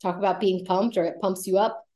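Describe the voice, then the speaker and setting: A woman with a Puerto Rican Spanish accent teaches Spanish phrases in a relaxed podcast lesson. Her voice sits in a middle pitch, and she drags out words now and then to make a point. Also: brisk. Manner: explains phrases, drawing out words for emphasis.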